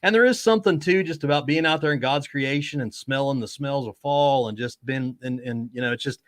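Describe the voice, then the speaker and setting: A man in his forties hosts a relaxed conversation, speaking at a middle pitch. He talks in an easygoing way, often stopping to restart his sentences, and the recording is dry. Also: a little fast, no room sound. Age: 40s. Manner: easygoing, many fillers and restarts. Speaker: host. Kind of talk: casual chat.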